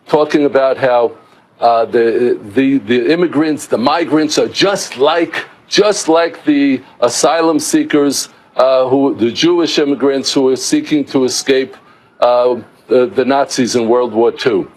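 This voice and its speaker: A man's voice: medium pitch, measured pace, rough recording. A middle-aged American-raised man, an author, giving a remote news interview in an explanatory way with many restarts. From United States. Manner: explanatory, with frequent restarts and fillers.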